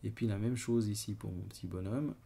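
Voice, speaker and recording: A man's voice: on the low side, fairly even intonation, a little fast, vocal fry, mellow, a little hiss or hum. A man with a Swiss French accent explaining photo retouching step by step, hesitant and full of fillers as he works. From Switzerland. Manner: hesitant, many fillers, talks while working. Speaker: photo editing tutor. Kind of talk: screen-recorded software tutorial.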